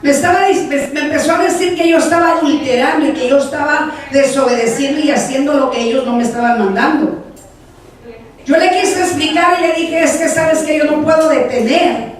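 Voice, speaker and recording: High-voiced woman pastor in echoey hall. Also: a little fast, distant mic. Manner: animated storytelling, addresses congregation as brothers. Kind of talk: testimony sermon.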